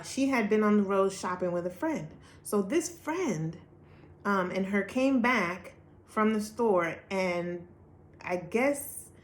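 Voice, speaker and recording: Her voice pitched in the middle range, an earnest woman tells her personal testimony with lively storytelling and occasional acted-out quotes. A noticeable echo fills the room.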